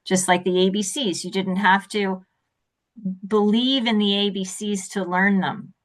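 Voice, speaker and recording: A woman speaking as a success coach in an interview, animated and laughing often, acting out the voices she quotes. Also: medium pitch, measured pace. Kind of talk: interview conversation.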